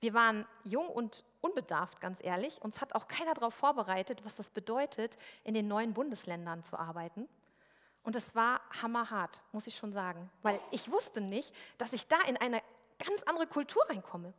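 A woman's voice: fairly high pitch, animated, moderate pace, fairly bright tone, in a large hall. A woman from West Germany preaching a sermon in a church service room, in a conversational, personal storytelling way.

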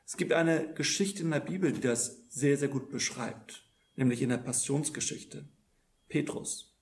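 A man's voice: medium pitch, unhurried. A man preaching a sermon in an earnest tone, often stumbling over repeated words as he restarts.

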